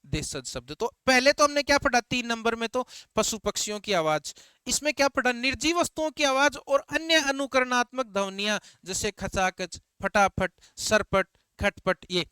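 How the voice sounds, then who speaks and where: A man's voice: very high-pitched, animated, moderate pace, sharp tone, smooth, no room sound. A male teacher giving a grammar lecture, asking the class questions and answering them himself while repeating key terms.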